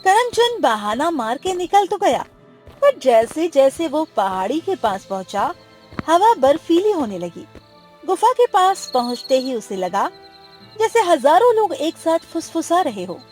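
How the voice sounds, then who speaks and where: A woman telling a cartoon moral story in a dramatic, expressive way. Her voice is high and swings up and down a great deal. Soft music plays beneath the narration. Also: unhurried.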